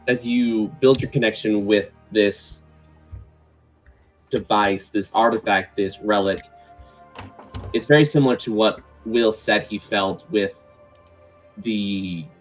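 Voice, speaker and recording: Male game master, lowish voice, unhurried descriptive narration for a fantasy tabletop game, light music underneath.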